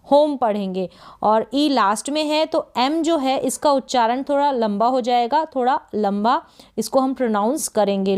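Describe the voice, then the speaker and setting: A woman from India teaching English pronunciation in Hindi, spelling words out letter by letter and repeating them slowly with question prompts. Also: a little high, darkish tone, smooth. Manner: slow, drilling repetition with "what is it?" prompts.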